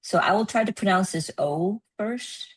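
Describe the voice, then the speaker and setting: A woman presenting at a research meeting, explaining with many ums and pauses. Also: medium pitch, lively intonation, breathy edge. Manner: hesitant, many ums and uhs.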